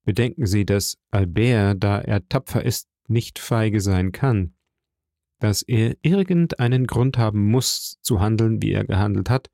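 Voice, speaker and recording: A man voicing a calm, powerful count who speaks softly and measuredly. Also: on the low side, vocal fry, no room sound, studio quality. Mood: gentle. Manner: soft, measured, gently smiling. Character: calm, powerful middle-aged count, gentle and mysterious.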